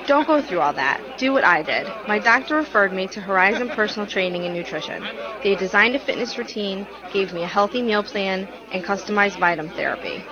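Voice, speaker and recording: An actress plays an encouraging woman giving an infomercial testimonial in a radio ad. Her mid-pitched voice is slightly muffled, with people audible behind her. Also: lively intonation, a little fast, a crowd in the background, natural voice.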